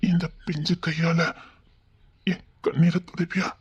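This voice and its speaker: A lonely, soft-hearted man with a Tirunelveli Tamil accent, as a woman acts him out, tearful and pleading and often dropping to a hush. The voice is dark and husky, and the recording sounds dull and lo-fi. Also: mid-range voice, normal speed, lightly acted. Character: lonely, tender-hearted grown man, emotional. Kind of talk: emotional drama acting.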